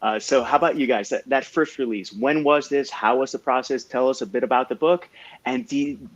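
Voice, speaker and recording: A man's voice: medium pitch, fairly quick. A man hosting an author panel in a casual, joking, informal way. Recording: dull lo-fi sound.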